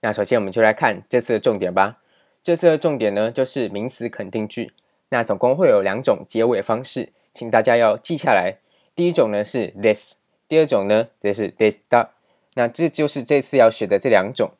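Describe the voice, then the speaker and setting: A man's voice: fairly low pitch, lively intonation, a little fast, a little mellow. A man teaching a grammar lesson over slides, explaining patiently and repeating key points with many filler particles. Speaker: language teacher.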